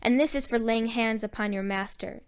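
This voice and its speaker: A woman's voice: a little high, moderate pace, clear, resonant tone, close to an everyday voice. A woman voicing a cruel, raging male village priest who gives orders with contempt. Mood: contemptuous. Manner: commanding, contemptuous.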